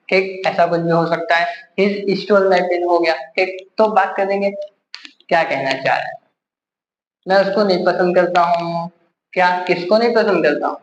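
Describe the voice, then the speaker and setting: A man's voice: high voice, reverberant, lo-fi sound, slight background noise. A male teacher giving a grammar lesson with a Hindi accent, constantly asking the class rhetorical questions and answering them himself.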